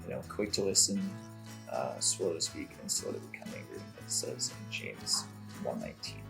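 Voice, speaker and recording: A man in his twenties from the United States, chatting casually in an animated way with fillers as a guest. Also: low voice, normal speed, vocal fry, music in the background. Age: 20s. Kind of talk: casual discussion.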